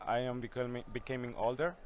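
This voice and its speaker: A man's voice: mid-range voice, a little fast. A young man, speaking earnestly as an interview guest at a conference. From Ecuador. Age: young adult. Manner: earnest, with a few restarts. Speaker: youth climate coalition founder, guest. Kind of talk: conversational interview answers. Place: busy conference venue.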